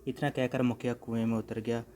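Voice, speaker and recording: Male narrator for an animated comic, steady and flat, faint hiss underneath. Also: mid-range voice, fairly quick. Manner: steady storytelling.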